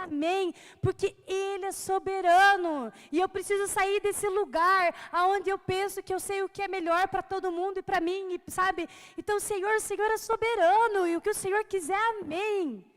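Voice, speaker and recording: A woman's voice: very high voice, fairly even intonation, normal speed, few pauses, big-room sound. A young woman with a Brazilian Portuguese accent giving a personal testimony in church, earnest and conversational, laughing often between phrases.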